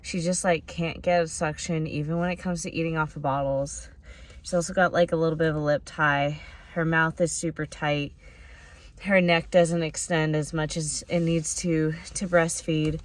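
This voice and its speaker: Candid young woman vlogging, slightly low voice. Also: fairly even intonation, normal speed. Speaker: vlogger and writer, new mother. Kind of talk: casual vlog talk to camera.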